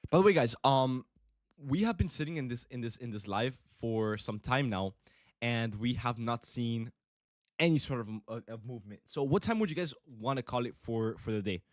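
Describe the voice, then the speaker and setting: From a home trading setup in Miami, a day trading livestream host chats casually with his viewers, rambling, using lots of fillers and plenty of "bro." He is young, Italian-born with Italian as his first language, and speaks with a Miami accent. His medium-pitched voice moves at normal speed, and the audio is studio quality with no room sound.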